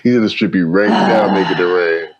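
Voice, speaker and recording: Laid-back male podcast host with a deep voice and slangy delivery; slightly muffled recording. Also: a little fast, slight background noise. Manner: laid-back, slangy, says "bro" and "man" often. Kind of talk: casual reaction chat.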